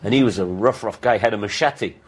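A man's voice: fairly low pitch, brisk. An older man, chatting as a guest and telling joking stories. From England. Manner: joking anecdotal storyteller. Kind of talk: casual chat.

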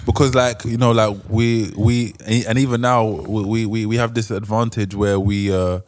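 A man with a London accent co-hosting a podcast in relaxed, slangy conversation. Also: lowish voice, normal speed. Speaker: podcast co-host. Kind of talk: casual chat.

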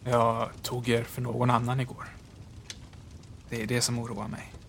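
A man reading an audiobook, voicing a lonely, haunted railway signalman who speaks low, barely above a whisper. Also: monotone, slight background noise, natural voice. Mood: hushed, uneasy. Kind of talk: audiobook character voice.

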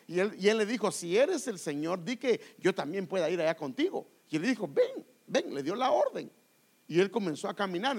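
A man preaching a sermon, explaining scripture verse by verse and addressing listeners as brother. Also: high voice.

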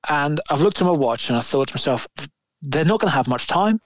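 A man's voice: fairly high pitch, expressive, a little fast, dry recording. A man, co-hosting a podcast and telling a long, rambling story in casual chat, swearing now and then. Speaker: podcast co-host.

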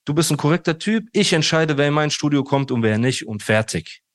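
A man's voice: fairly high pitch, a little fast, no echo. A man in a casual interview, telling a long story and acting out the quoted dialogue of others. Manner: animated, acts out quoted dialogue, says "Bruder" often. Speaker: guest telling his story.

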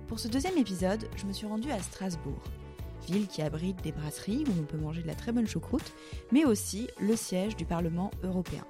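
A young woman hosting a podcast, reading a clear explanatory introduction and then interviewing a guest. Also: medium pitch. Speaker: podcast host. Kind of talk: scripted narration and interviewing.

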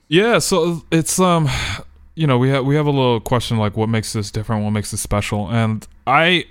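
A man co-hosting a screenwriting podcast, thinking out loud with lots of restarts in casual chat. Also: mid-range voice, normal speed, clear, resonant tone, no room sound, studio quality. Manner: rambling, thinks aloud with many restarts. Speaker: podcast co-host. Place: podcast studio.

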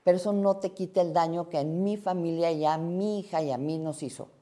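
A woman telling a story in an interview, lively and acting out the dialogue. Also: fairly low pitch, a little fast. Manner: lively, acts out quoted dialogue.

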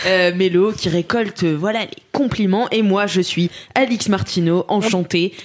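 A woman's voice: mid-range voice, normal speed. A woman hosting a podcast in a casual, playful and teasing chat style. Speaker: podcast host.

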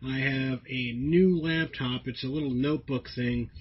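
Male podcast host, husky voice, playful banter, dull lo-fi recording outdoors. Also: mid-range voice, normal speed. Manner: jokey, animated, breaks into laughter. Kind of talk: casual podcast chat.

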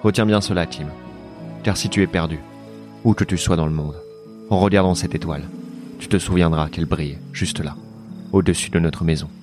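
A man voicing a solemn, tender middle-aged father in an audio drama, speaking gravely and quietly. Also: deep voice, fairly even intonation, brisk, pauses often, music in the background, close to an everyday voice.

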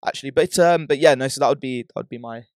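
A man's voice: medium pitch, fast talker, no echo, studio quality. A young man with a London roadman accent, chatting casually in slangy, emphatic, matey banter as a podcast host. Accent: London roadman, urban British slang.

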